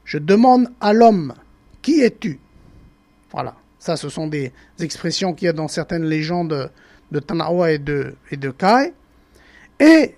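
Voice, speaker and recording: A language presenter from the Marquesas Islands explains on a broadcast how words changed, speaking deliberately, often pausing to search for words, and repeating example words. His voice is mid-range with a darkish tone.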